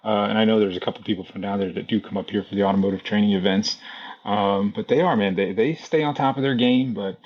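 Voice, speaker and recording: On a podcast, a Brazilian man in his thirties chats casually about running his repair shop, relaxed, repeating himself and often saying "man." His voice is fairly low and fast, and the sound is lo-fi.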